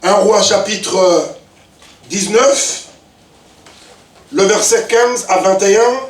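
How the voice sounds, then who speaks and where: A man in his fifties preaches with a strikingly high voice and unhurried, deliberate delivery. He swings between ringing shouts and low asides, and the sound comes from a distance in an echoey church hall. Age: 50s. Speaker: pastor. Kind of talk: sermon.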